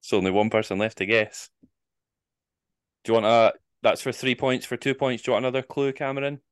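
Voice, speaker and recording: A man's voice: mid-range voice, brisk, clear, resonant tone, no room sound, clean studio sound. A man with a Scottish accent hosting a casual quiz podcast, teasing the players and reading the clues in the first person. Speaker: quizmaster.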